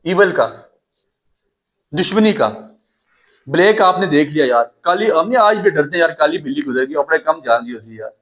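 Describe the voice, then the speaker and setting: Man, high voice, grammar lecture, checks understanding often. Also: lively intonation, a bit bright. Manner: repeats checks like "right?", calls students "child", spells slowly. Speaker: English grammar teacher. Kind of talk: classroom lecture.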